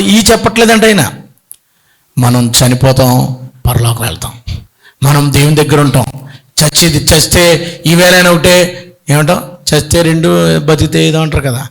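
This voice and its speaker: A bishop delivers a sermon in a fairly high-pitched voice. He tells stories dramatically, rising sharply and then dropping to a hush. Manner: dramatic storytelling with big swings in pitch and loudness. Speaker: bishop preaching.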